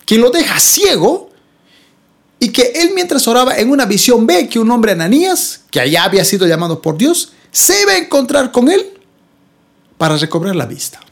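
A Bible study teacher who reads scripture slowly and expressively, then explains it plainly, addressing the listeners as brothers and sisters. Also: medium pitch, sing-song, creaky.

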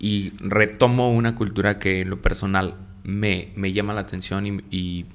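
An interviewer in a conversational interview who offers frequent short acknowledgments and speaks in a measured way. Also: sits low, flat delivery.

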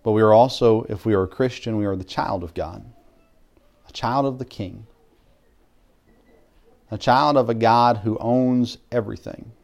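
A man preaching a sermon as a pastor, earnest, with restarts, swinging between loud emphasis and quiet asides. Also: fairly low pitch, moderate pace, vocal fry, long pauses.

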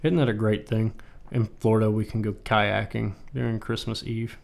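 A man's voice: lowish voice, fairly even intonation, normal speed, creaky, a little mellow. A man hosting a podcast in casual chat, rambling and joking, with a loose tongue that slips into swearing. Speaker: podcast host.

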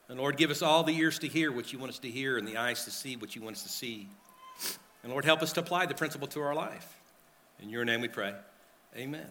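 A pastor with a drawl delivers a sermon through a pulpit microphone in a church sanctuary. His voice is sharply bright and forward. He talks earnestly, circling back over his phrases with plenty of filler words. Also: medium pitch. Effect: speaking at a pulpit microphone.

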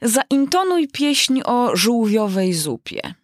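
A woman's voice: a little high, sing-song, slow pace, no echo, pitched above the performer's own voice, full character voice. A fussy, touchy male griffin from a storybook, as a woman puts him on. He talks in a raised, eager voice, and the sound is dry and close.

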